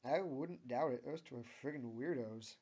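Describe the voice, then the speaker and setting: A man voicing a bratty girl who shouts in exasperation. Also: medium pitch, steady tone, normal speed, husky, highs cut off, natural voice. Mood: sarcastic. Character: bratty girl, loud and frustrated.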